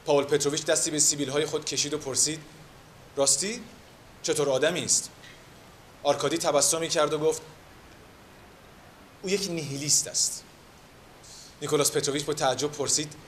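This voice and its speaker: An actor playing a man who reads a novel aloud in a measured, expressive way to a gathering. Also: a little high, a little hiss or hum, lightly acted. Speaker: reader at a literary gathering.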